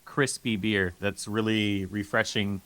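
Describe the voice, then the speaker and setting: Podcast dude chatting about beer facts, bright forceful voice, kinda rambly. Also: male voice, on the low side, little pitch movement, measured pace. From United States. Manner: laid-back, explains facts with fillers. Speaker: podcast co-host. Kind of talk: casual podcast chat.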